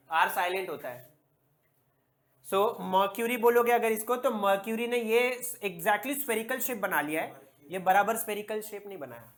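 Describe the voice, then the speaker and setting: A male physics teacher giving a classroom lecture, posing questions and answering them himself, repeating key words slowly. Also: sits high, a little hiss or hum.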